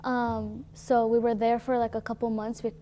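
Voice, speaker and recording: Teen girl from Syria, mellow flat delivery, casual filler-heavy talk. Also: fairly high pitch, moderate pace, a little hiss or hum. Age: teens. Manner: casual, uses "like" often. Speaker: guest. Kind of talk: personal storytelling.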